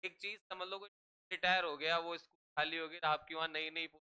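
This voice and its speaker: A man's voice: fairly high pitch, steady tone, fairly quick, sharp tone, clean tone. A male teacher lecturing a classroom, drilling students with repeated questions and having them repeat after him.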